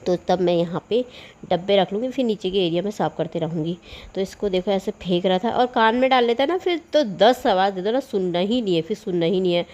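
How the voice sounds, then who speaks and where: A middle-aged mother narrates her home video in a loose, chatty voice-over, laughing now and then. A cold has left her with a sore throat. Her pitch sits in a plain middle range. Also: fairly quick, darkish tone, dull audio. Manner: chatty and rambling, often laughing. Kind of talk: casual voice-over chat about housework.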